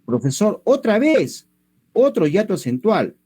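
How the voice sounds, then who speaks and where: A man's voice: sing-song, unhurried, dark tone, a little hiss or hum. A man voicing an eager student who answers his teacher by calling him professor. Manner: higher voice, addresses "profesor".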